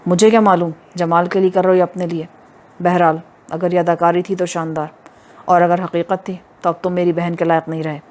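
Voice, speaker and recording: A stern, protective brother in an audio novel, blunt and cool as he warns someone off, voiced by a woman reader. He speaks flatly and firmly. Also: fairly low pitch, close to an everyday voice.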